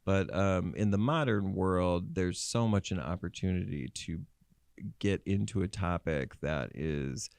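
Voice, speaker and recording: A man, co-hosting a mental health podcast in an animated, chatty way and laughing easily. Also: sits low, a little slow, vocal fry, no room sound. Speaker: podcast co-host, psychiatric nurse practitioner. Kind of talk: casual podcast chat.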